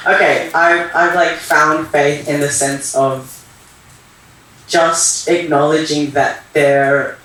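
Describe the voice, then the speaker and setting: A man's voice: fairly high pitch, steady tone, takes it slowly, bright, forceful tone. A young man from Iran sharing personal thoughts at a community talk, hesitant and searching for words with many fillers. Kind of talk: open share at a community event. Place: theatre hall. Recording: echoey hall from far off.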